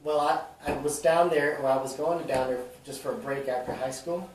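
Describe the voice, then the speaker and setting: This realtor from Mexico talks easily through interview questions, rambling and restarting often with many fillers. He speaks at a moderate pace in a voice on the high side, recorded from a distance in an echoey room with a little hiss or hum.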